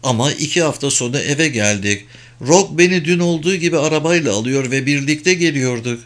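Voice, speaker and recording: A man's voice: on the high side, expressive, brisk, voice pushed up, lightly acted. A man putting on a young grieving woman's voice. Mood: explaining.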